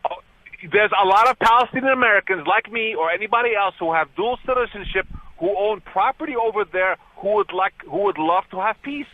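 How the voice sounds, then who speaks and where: Male caller from Brooklyn, fired-up and insistent, slightly high voice, muffled call. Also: brisk, no room sound. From Brooklyn, New York. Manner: passionate, insistent, keeps asking "okay?". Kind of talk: talk radio call-in.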